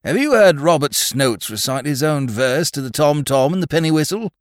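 A man reads the part of an earnest bohemian, declaiming with lively intonation at normal speed and lightly acting it. He pitches his voice fairly high, above his own natural range, and the studio sound is clean with no echo.

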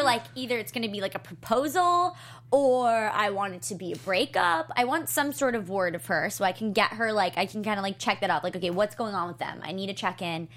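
A woman's voice: a little high, pushed and bright. A young woman co-hosting a podcast, chatting casually and emphatically with a giggly manner. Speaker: podcast co-host. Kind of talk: casual chatty TV recap conversation.

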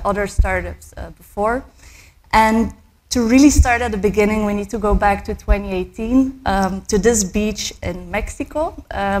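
Belgian woman doing a startup talk, has a cold, lots of ums and uhs, mid pitch. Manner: hesitant, many fillers. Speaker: startup co-founder giving a talk. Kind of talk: conference presentation.

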